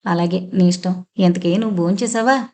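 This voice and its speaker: A woman reading the part of a calm, affectionate elderly father in an audiobook story. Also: fairly low pitch, normal speed, natural voice. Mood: gentle. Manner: calm, gentle.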